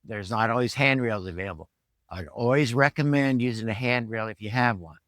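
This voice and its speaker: A man in his seventies talks through things in an informal, instructional way. His pitch sits in the middle of the male range, and he explains plainly, like a trainer. The sound is dry, with very little room echo. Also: brisk, fairly bright tone. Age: 70s. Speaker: fitness trainer and rehab vlogger. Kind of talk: informal instructional vlog talk. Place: at home.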